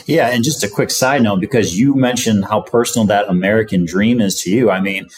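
A man's voice: fairly low pitch, fairly quick. A man hosting a podcast, asking his guest questions in a conversational way. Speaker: podcast host. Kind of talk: casual podcast interview.

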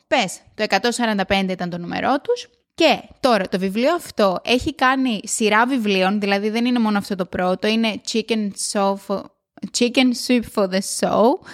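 A woman hosting a motivational podcast at home, talking loudly and emphatically with excitement. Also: a little high. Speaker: podcast host. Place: at home alone.

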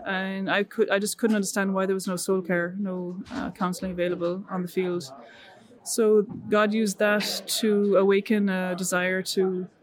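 A woman's voice: medium pitch, little pitch movement, normal speed. A middle-aged woman from Ireland, earnestly telling her story as a missionary guest in a conversational interview. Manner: earnest, with frequent restarts and fillers.

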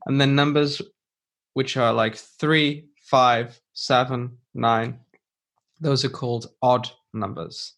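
A man's voice: medium pitch, fairly even intonation, slow pace, a bit bright. Man explaining things as podcast teacher. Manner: clear, simple explanations with rephrasing for a learner. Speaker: podcast host and English teacher.

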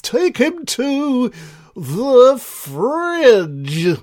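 A man's voice: very high-pitched, wildly swooping pitch, very slow, a little mellow, pitched above the performer's own voice, heavily acted. A man voicing a pompous, cold-hearted male Ice King in a children's story. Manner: pompous, self-satisfied, punning.

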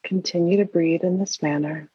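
A woman leading a guided meditation in an airy, breathy, soothing and hushed voice, leaving long pauses. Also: lowish voice, steady tone. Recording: roomy, dull lo-fi sound.

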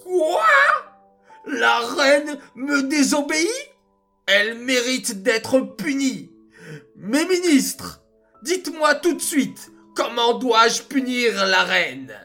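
A man's voice: extremely high pitch, wildly swooping pitch, slow, faint music behind, pitched above the performer's own voice, exaggerated voice. A man voicing a boastful, drunken, hot-tempered king who bellows his orders, in a children's storybook reading. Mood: furious. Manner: bellowing and shouting.

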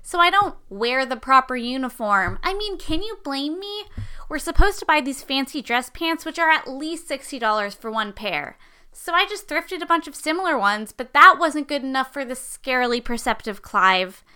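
An actress in her twenties voices a sarcastic young waitress who dreams of music, talking through an audio drama monologue. Her voice sits high and sounds bright and crisp. She keeps a dry, wry edge on everything she says. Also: expressive, moderate pace. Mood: sardonic. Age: 20s. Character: sardonic young woman, struggling musician and waitress. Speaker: monologue narrator.

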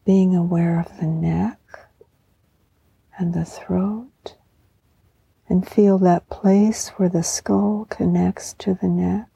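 A serene woman speaks very softly and slowly, with a breathy, near-whispered and very mellow tone. She guides a meditation in soothing, even phrases, recorded close and dry. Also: on the low side, dry recording, low-quality recording. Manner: serene, soothing, slow and unhurried. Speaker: podcast host and meditation guide. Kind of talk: guided meditation with poetry reflection.

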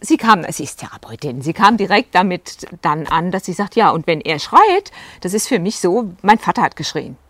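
A woman's voice: fairly low pitch, very animated, normal speed, few pauses, a bit bright, dry recording. A woman couples coach telling stories from her sessions in a casual, chatty way, acting out what her clients said, with fillers and asides. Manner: recounts client sessions, acting out quoted lines. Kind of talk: storytelling talk to video viewers.

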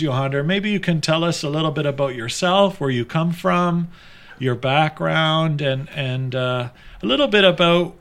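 A man, a priest hosting a faith podcast, who interviews his guest in a gentle, reflective way. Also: on the high side, gravelly, clean tone.

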